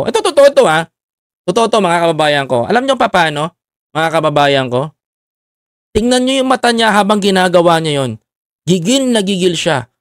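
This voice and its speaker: A man with a high, bright-pitched voice rants in a taunting, satirical monologue, jabbing at his target with repeated goading questions. He keeps turning to address his viewers directly. The sound is dry and close, with no room behind it. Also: dry recording. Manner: mocking, keeps addressing viewers as fellow countrymen; needling with repeated "ha?" and "makinig ka". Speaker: satirical political vlogger.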